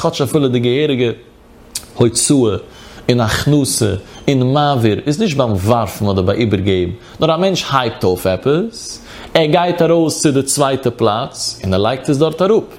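A man's voice: mid-range voice, lively intonation, normal speed, a little mellow. A man with a Yiddish accent teaching a Talmud lesson in a singsong study chant that keeps rising and falling. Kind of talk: traditional Talmud study lecture.

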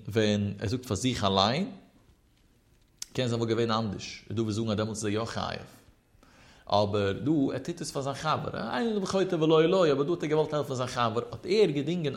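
A man teaching a religious study lesson, explaining texts in a sing-song cadence that rises and falls widely. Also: medium pitch. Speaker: Talmud teacher.

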